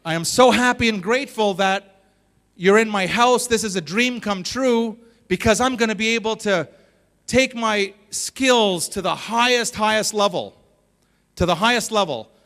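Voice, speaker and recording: A man's voice: high-pitched, normal speed, a bit bright. A man playing an impatient young martial arts student in a big hall. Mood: excited. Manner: insistent, impatient pleading. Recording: long reverb of a large hall.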